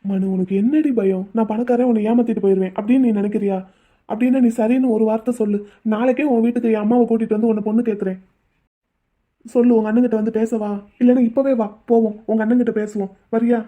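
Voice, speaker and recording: A woman voicing a devoted rich young man in a cartoon drama, husky and pleading. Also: medium pitch, steady tone, fairly quick, long pauses, lightly acted. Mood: insistent. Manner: pleading, tender. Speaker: voice actor. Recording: tinny phone-like audio.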